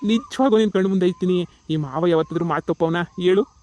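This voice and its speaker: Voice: mid-range voice, a little fast, a little mellow, close to an everyday voice. A performer voicing a boastful middle-aged father-in-law in a cartoon comedy, with an eager, playful way of talking. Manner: boastful and eager, full of playful sound words.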